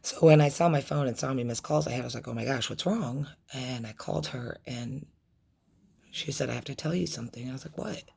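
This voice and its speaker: A middle-aged woman telling a personal story in a vlog, in a halting, emotional way with many restarts and trailing phrases. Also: extremely low pitch, gravelly, mellow, husky. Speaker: vlogger recounting a loss.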